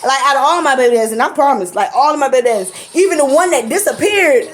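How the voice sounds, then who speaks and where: A woman's voice: high-pitched, lively intonation, quick pace, soft background music. A woman telling a personal story to camera in a blunt, profane, casual way, laughing often.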